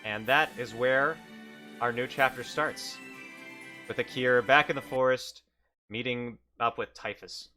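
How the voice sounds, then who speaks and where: A hungover man improvising casual narration as a solo game master, halting and correcting himself as he goes. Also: medium pitch, sharp tone, faint music behind.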